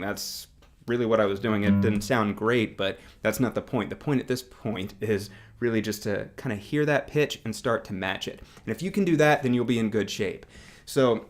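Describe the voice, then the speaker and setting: A man with a lowish, gravelly voice gives a casual singing lesson, talking things through in an easygoing way. Guitar chords ring under his words as he demonstrates on the instrument. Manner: relaxed explaining, demonstrating on guitar, hums along with notes. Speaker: music teacher.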